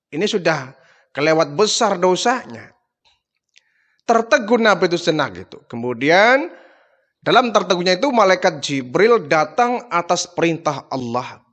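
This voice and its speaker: A man's voice: high voice, fairly bright tone. A male Islamic preacher retelling a story in a sermon, dramatic, with frequent filler asides.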